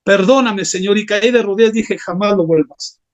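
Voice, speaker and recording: A man's voice: high-pitched, moderate pace, darkish tone, highs cut off. A man preaching an impassioned sermon as a pastor, often calling his listeners brothers. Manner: impassioned, keeps addressing the congregation as brothers.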